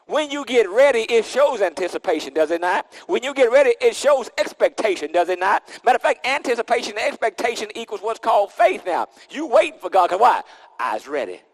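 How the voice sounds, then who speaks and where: High, lively preacher at a pulpit microphone. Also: male voice, a little fast, long reverb tail. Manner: emphatic preaching with repeated phrases and call-and-response; casual vernacular speech. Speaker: pastor. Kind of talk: sermon.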